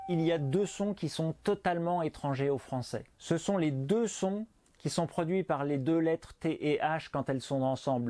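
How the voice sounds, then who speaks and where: A man presents a pronunciation lesson in a fairly high, mellow voice. He speaks clearly and emphatically and stretches out the example sounds. He adds playful, self-mocking asides. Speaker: English pronunciation teacher. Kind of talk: explanatory video lesson.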